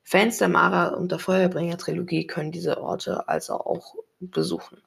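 Gravelly reader presenting a book. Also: mid-range voice, level tone, moderate pace, fairly bright tone. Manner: plain reading with occasional slips. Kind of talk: read-aloud book presentation.

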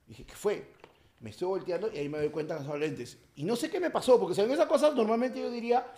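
Lively Peruvian man telling a story. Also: sits high, fast, roomy sound. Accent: Peruvian Spanish. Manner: animated, slangy, acts out voices in his anecdotes. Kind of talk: casual comedic storytelling.

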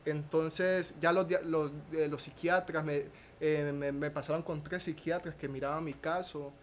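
A young man, a podcast guest telling a personal testimony in a halting way, with restarts and a questioning tag at the end of phrases. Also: fairly high pitch, steady tone, a little hiss or hum.

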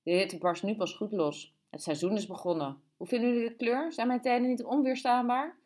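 A woman's voice: a little high, brisk, a little mellow, pitched above the performer's own voice, natural voice. A woman voicing a flamboyant, vain and chatty grown woman who talks in a playful, showy way for an audiobook. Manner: playful, showing off.

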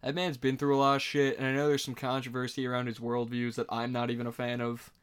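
A mid-twenties podcast co-host spins a long, rambling story in casual chat, cursing freely and acting out what people said. He speaks quickly in a smooth, monotone, medium-pitched voice.

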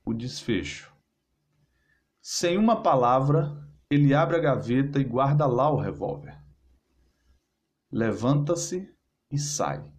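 A man narrating a short story aloud with expressive, varied delivery. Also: mid-range voice, slow, pauses often. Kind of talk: dramatic reading of a short story.

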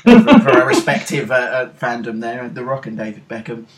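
A man's voice: medium pitch, fairly even intonation, brisk. British male podcast host, middle-aged, mid-range voice, chatty, informal and a bit rambling. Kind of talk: casual podcast chat.

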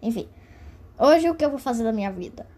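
Husky-voiced playful woman. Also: fairly high pitch, expressive, fairly quick, dark tone. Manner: playful, jokey asides. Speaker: vlogger. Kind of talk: reading a fanfic aloud.

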